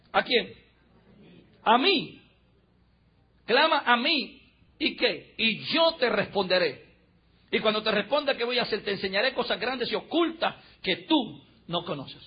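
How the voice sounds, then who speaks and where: A man preaching a fiery sermon in church, emphatic and preacherly, swinging from shouts to low murmurs. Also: slightly rough. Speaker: pastor. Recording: dull lo-fi recording.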